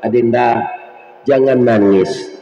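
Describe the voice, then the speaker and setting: Man voicing a gentle male doctor inside a sermon story: soft, tender, mellow, echoey hall. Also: fairly high pitch, expressive, measured pace, highs cut off, a little hiss or hum. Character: kind, humble male doctor speaking gently.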